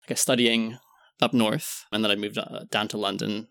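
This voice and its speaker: Thoughtful young man, low voice, dry sound. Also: level tone, normal speed, a bit bright, no echo. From Philippines. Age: 20s. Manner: thoughtful, hedging with "I guess" and "I suppose". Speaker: podcast guest. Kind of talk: casual chat.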